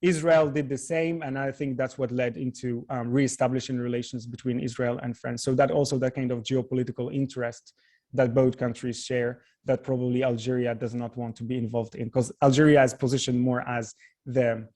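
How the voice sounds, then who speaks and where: A man's voice: medium pitch, level tone, fairly quick, darkish tone. A man from Morocco, a tour guide answering questions thoughtfully over a video call, hedging often and restarting his sentences. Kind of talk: answering questions in a live online session.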